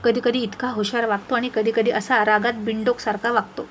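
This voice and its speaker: A woman voicing a spirited, outspoken young woman in a storybook tale, with a lively, scolding manner. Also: on the high side, fairly quick, a little hiss or hum, natural voice.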